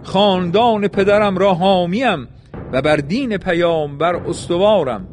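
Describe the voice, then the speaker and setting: A man voicing a proud, defiant warrior leader under siege, declaiming loudly. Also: high voice, faint music behind, voice pushed up, lightly acted. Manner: declaiming, raised and forceful.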